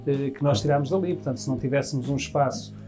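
This man, in his fifties and managing a restaurant, races through long interview answers in a dark, medium-pitched voice marked by a European Portuguese accent. Indoors in the dining room, with soft music behind, he gestures as he talks and keeps restarting phrases.

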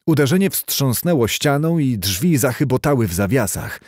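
A man reading a literary audiobook in a measured storytelling way. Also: mid-range voice, animated, a little mellow, no room sound, studio quality. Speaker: audiobook narrator. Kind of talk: scripted literary narration.

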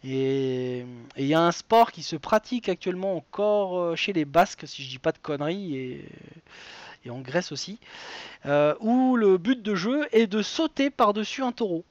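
A high-voiced man hosts a live web quiz, reading out questions and rambling into tangents with plenty of fillers. His voice sits dry and close, a little dull and lo-fi. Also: moderate pace, dry recording. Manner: chatty, digressive, many fillers. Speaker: quiz show host.

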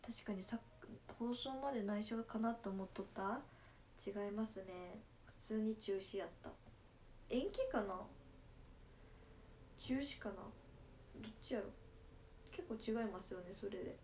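Speaking in Nagasaki dialect, a young idol livestreamer from Nagasaki, Japan, teases and chats with viewers on a relaxed stream, frequently breaking into laughter. Her mid-range voice is a little mellow, measured in pace with long pauses, over slight background noise.

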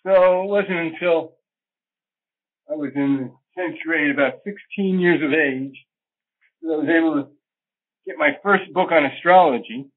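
A man's voice: on the high side, measured pace, long pauses. Man on a tinny old radio recording. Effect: old archived radio interview recording. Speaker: interview guest, astrologer. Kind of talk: relaxed storytelling in an interview.

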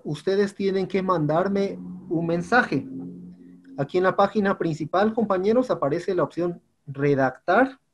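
Man, teacher, high-pitched, patient step-by-step instructions. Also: a little mellow. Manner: patient, repeats "compañeros" and "¿sí?" often. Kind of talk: online class instructions.

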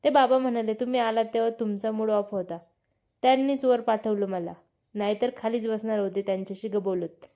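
A woman voicing a young wife who is quick-tempered and chatty, scolding in a lively way. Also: on the high side, natural voice.

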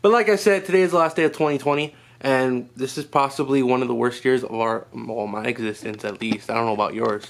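Holding the camera at arm's length indoors, a young man vlogs around his small house, talking quickly with few pauses in a creaky, mid-range voice. He keeps things playful, teasing and laughing often.

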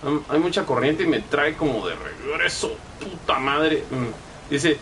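A man's voice: on the high side, lively intonation, measured pace, a bit bright, slight background noise, low-quality recording. A young man with a Guatemalan Spanish accent giving profane, chatty live gameplay commentary and reading chat messages aloud. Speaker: gaming streamer.

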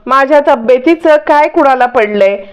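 A self-pitying old grandmother milking the drama with a whiny edge, as a woman puts her on. The voice is pitched higher than usual, and the recording sounds dull and lo-fi. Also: lively intonation, normal speed, clear, resonant tone. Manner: whiny, melodramatic.

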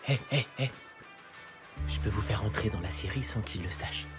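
An actor playing an eager, casual young son in naturalistic video game dialogue. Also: male voice, on the low side, moderate pace, over music, close to an everyday voice.

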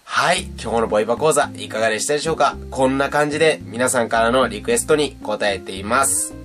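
A young Japanese man chats casually while teaching beatboxing on his channel, chatty and animated as he demonstrates sounds in this casual video lesson. His voice is mid-range and he talks fast, over music.

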